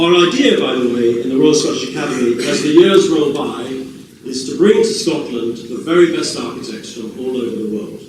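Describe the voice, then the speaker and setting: A man's voice: medium pitch, background noise. A man introducing the evening's speaker with rambling, good-humoured anecdotes in a lecture theatre. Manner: rambling, warm-humoured storyteller. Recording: echoey lecture theatre, distant mic.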